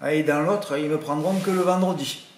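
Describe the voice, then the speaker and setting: A man's voice: fairly high pitch, steady tone, moderate pace, slight background noise. Rambling indignant man in an echoey room. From France. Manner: rambling, repeats himself, indignant. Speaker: vlogger. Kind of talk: casual monologue to viewers. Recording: roomy echoey recording.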